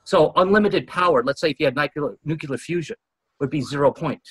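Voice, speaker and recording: A man's voice: on the high side, a little fast, slightly rough, dry recording, rough recording. A man in casual chat as a guest, talking in an earnest, rambling way with frequent "uh" fillers.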